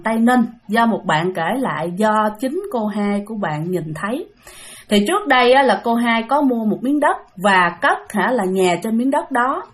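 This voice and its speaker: A woman with a Southern Vietnamese accent telling a ghost story in a chatty way, speaking straight to her listeners. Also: a little high. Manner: chatty, addresses listeners directly, many fillers. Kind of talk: casual ghost story narration.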